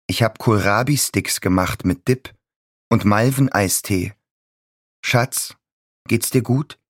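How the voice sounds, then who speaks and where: A man voicing an overbearing middle-aged mother who speaks in a sweet, cloying, falsely gentle way. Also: fairly low pitch, slow pace, dry recording, studio quality. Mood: sugary.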